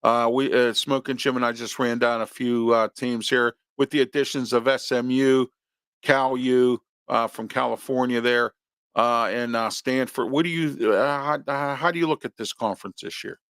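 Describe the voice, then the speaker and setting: A man in his fifties hosts a relaxed sports talk show, his voice rough and gravelly. He rambles along with lots of fillers. The sound is dry and close, with no room around it. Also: medium pitch, normal speed, no room sound. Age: 50s.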